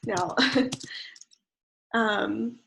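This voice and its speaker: A woman's voice: mid-range voice, steady tone, extremely slow, vocal fry, noisy background. A young woman teaching a creative writing lesson online to children, patiently counting syllables aloud.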